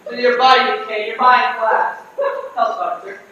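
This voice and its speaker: A man's voice: very high voice, level tone, a little fast, highs cut off. A man playing a snide, short-tempered storyteller, delivering a sarcastic, theatrical comic monologue on stage. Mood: mock solemn. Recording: very echoey stage, distant mic, faint noise.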